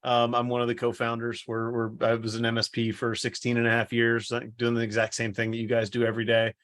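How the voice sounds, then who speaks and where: A man's voice: medium pitch, monotone, fast talker, a bit bright, no echo. A man hosting a livestream with casual, rambling, joking banter. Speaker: livestream host, company co-founder.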